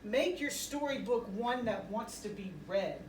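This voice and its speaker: A woman's voice: fairly high pitch, animated, a little slow. Emphatic woman giving a pep talk, echoey room. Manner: emphatic, short declarative phrases with repetition. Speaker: motivational pregame speaker to a high school football team. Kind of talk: motivational speech. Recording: roomy echo, distant mic, faint noise.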